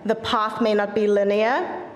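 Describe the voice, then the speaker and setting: A woman's voice: mid-range voice, flat delivery, a little slow. A woman judge giving an earnest, encouraging award speech on stage, opening with a formal greeting in Māori. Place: large event hall. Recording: echoey hall with long reverb.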